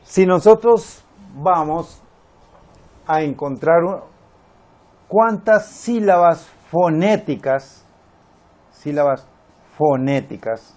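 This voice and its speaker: A man teaching a Spanish grammar lesson, explaining syllables slowly and counting them out step by step. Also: on the high side, lively intonation, a little mellow.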